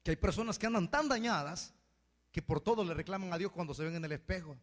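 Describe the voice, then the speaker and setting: A man preaching a sermon as pastor, with animated asides where he mimics complaining people. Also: high-pitched, fast talker. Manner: preaching with acted asides in mocking voices. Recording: hall reverb.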